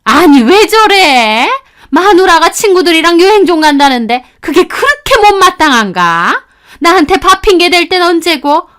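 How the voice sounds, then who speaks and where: A woman voicing a nagging, sharp-tongued older mother-in-law who scolds with contempt. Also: extremely high pitch, very animated, normal speed, exaggerated voice. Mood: complaining.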